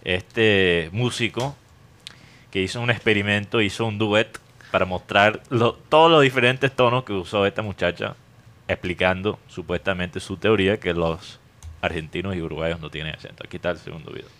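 A man's voice: deep voice, moderate pace, fairly bright tone. A man co-hosting a talk show, chiming in with short support lines and explaining the clips they play. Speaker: co-host.

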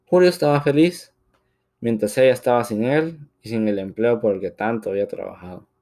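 A man narrating a domestic drama with emotive weight. His voice sits at a medium pitch and carries the story steadily from one scene to the next. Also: brisk, mellow.

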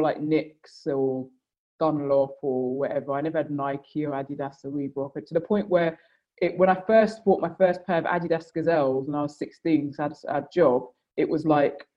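A woman on a comedy panel, telling animated stories over a video call. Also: low-pitched, dull audio. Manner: animated storyteller, laughing.

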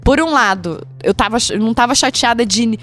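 A woman's voice: on the high side, a little fast, a bit bright, faint music behind. A young woman on a podcast, telling a story in a casual, slangy, swearing way and acting out the dialogue.

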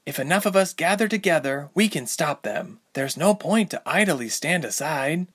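A man's voice: a little high, lively intonation, moderate pace, fairly bright tone, breathy edge, pitched above the performer's own voice. A cold, determined young mermaid, as a male storyteller puts her on. The voice sits well above his usual register and keeps a firm, pressing tone. It carries the clipped edge of someone pleading a warning. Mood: icy, insistent.

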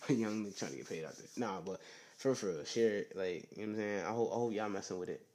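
Young man rambling low on a podcast. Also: quick pace, a little mellow. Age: young adult. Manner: rambling, slangy, often says "you know what I'm saying"; talking low and subdued. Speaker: podcast host. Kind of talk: casual solo podcast chat.

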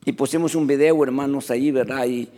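A man preaching a sermon as pastor, animated and often addressing the congregation as brothers. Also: mid-range voice, fairly quick, big-room sound.

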